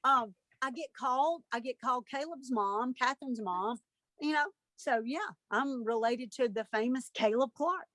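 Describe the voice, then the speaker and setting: The host's mother, an Alabama woman in her 50s, joins a casual video-call interview and shares stories. She talks at a moderate pace in a voice that's on the high side and a bit bright.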